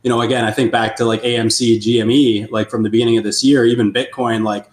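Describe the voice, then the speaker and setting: A man's voice: medium pitch, flat delivery, fast talker. A man co-hosting a finance podcast, chatting casually with many fillers. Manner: loose, filler-heavy talk. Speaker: podcast co-host. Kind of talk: casual chat. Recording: roomy echo.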